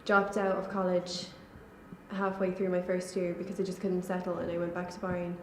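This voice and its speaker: A woman's voice: lowish voice, a little fast. A young woman, a college student, answers interview questions in a loose, casual way. Her answers are full of fillers like "um" and "like." She sounds like she is in an echoey room, with faint noise behind her. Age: young adult. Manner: relaxed, with frequent fillers like "like" and "um".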